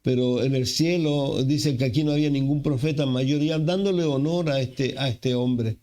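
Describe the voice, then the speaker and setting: A man from Chile preaching a sermon as pastor, unhurried, with fillers and self-corrections. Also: mid-range voice, warm tone. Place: church.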